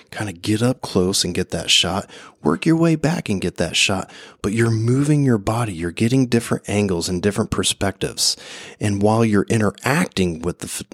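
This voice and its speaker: Low-voiced male podcast host, casual and rambling, dry close recording. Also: dry recording. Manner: conversational, many fillers and restarts.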